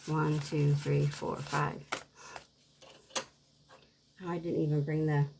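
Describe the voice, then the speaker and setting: Tired, quiet woman with gravelly low voice. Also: flat delivery, noisy background. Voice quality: coughing at times. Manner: quiet, subdued, unhurried talk. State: low on energy, worn out. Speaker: budgeting game creator. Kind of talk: casual savings-game vlog.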